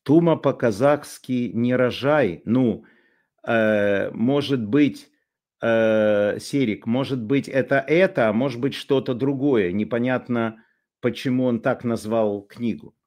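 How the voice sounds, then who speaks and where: A man delivers an off-the-cuff commentary at a slow, deliberate pace. His voice sits at a middling pitch, and his talk is sardonic, broken up by drawn-out filler sounds as he gathers his thoughts. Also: a little mellow. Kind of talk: unscripted monologue commentary.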